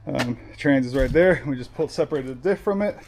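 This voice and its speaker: A young man chatting casually while working on a car in his garage, excited and swearing often. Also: mid-range voice, brisk. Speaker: car builder vlogger.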